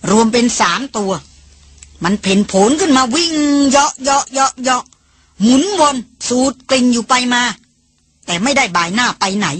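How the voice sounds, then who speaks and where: A woman narrating an adventure novel as an audiobook, with steady, descriptive storytelling. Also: on the high side, husky, no echo. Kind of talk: scripted narration.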